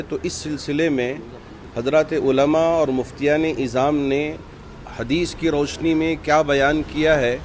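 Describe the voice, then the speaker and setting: Man, imam, formal point-by-point statement, slightly high voice, faint street traffic. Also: a little mellow. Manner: measured, formal, religious diction. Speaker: mosque imam and preacher.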